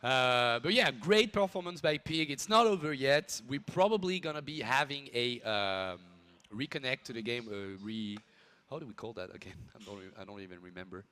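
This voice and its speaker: A man's voice: mid-range voice, lively intonation, normal speed, few pauses, pushed and bright, smooth. A man casting a live esports stream in a casual, playful chat with his co-caster, sometimes slipping in French words.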